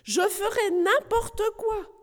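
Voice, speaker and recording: A woman voicing a grumpy, selfish knight who shouts and pleads loudly. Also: slow, big-room sound. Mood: desperate. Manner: shouting, high-pitched.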